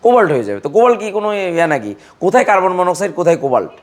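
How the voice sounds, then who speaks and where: Fast-talking chemistry teacher drilling students. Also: male voice, sits high, sing-song. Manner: repetitive, drilling students with questions; playful scolding of students. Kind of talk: classroom lecture.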